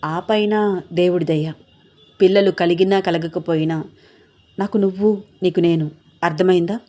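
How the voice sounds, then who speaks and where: A woman's voice: lowish voice, fairly even intonation, a little slow, mellow, natural voice. Woman reading as a tender young husband. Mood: tender reassuring. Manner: soothing, coaxing. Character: loving young husband, a gentle reassuring doctor.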